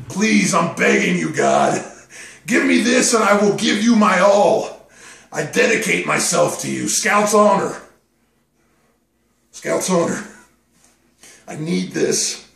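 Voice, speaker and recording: A man's voice: high voice, animated, slow, vocal fry, pauses often, fairly bright tone, heavily acted. A man playing a desperate, pleading bargainer. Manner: pleading, rambling, nervous joking. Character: desperate young man bargaining with God over a game. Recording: echoey, mic at a distance.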